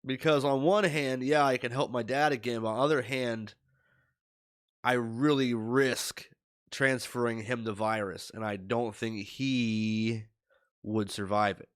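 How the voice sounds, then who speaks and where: Talking into his desk webcam for a casual video diary, a young streamer rambles anxiously and fills his speech with fillers, his nose stuffy and voice scratchy from illness. He speaks a little slowly in a steady, smooth, mid-range voice.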